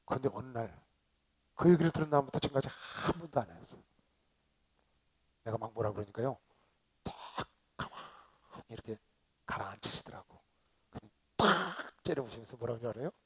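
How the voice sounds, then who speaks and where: A male pastor preaching a sermon, emphatic, with calls and responses to his congregation, swinging between loud exclamations and quiet asides. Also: mid-range voice, lively intonation, moderate pace, pauses often, slightly rough. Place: convention hall seminar.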